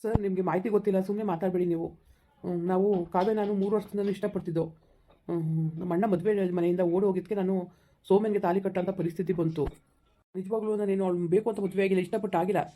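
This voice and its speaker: A desperate young man who begs and stammers in a rushed, mellow voice, played by a woman. He pleads very fast, tripping over his words. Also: mid-range voice, fairly even intonation, close to an everyday voice. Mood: pleading. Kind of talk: village skit acting.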